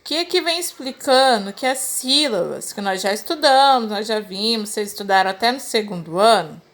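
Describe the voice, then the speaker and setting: A woman's voice: fairly high pitch, expressive, moderate pace, fairly bright tone. A Brazilian woman teacher explaining a lesson to children patiently, step by step. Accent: Brazilian Portuguese. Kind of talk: recorded remote lesson for children.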